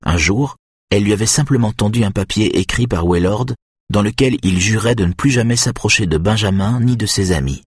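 A man narrating an audiobook in a steady, measured reading. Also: lowish voice, breathy edge, no echo, studio quality.

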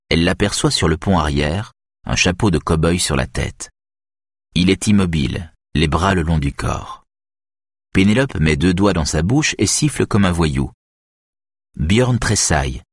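A man calmly narrating a novel aloud. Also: low-pitched, husky, no room sound, clean studio sound. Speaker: audiobook narrator. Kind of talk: scripted narration.

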